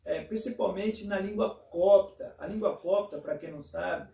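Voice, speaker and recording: Measured, hesitant pastor in an echoey room. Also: male voice, high voice, gravelly, warm tone. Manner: measured, hesitant, with frequent fillers. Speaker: pastor and host. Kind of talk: casual theological conversation. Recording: echoey room, distant from mic.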